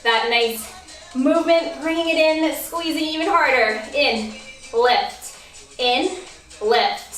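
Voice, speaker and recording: A woman with a high voice and an unhurried pace cues a barre class, counting reps and urging listeners on. Her voice sounds a little worn. She is heard from off the mic in a roomy space, with faint music behind. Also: a bit bright, recorded from a distance. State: losing her voice. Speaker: barre instructor. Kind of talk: workout class cueing.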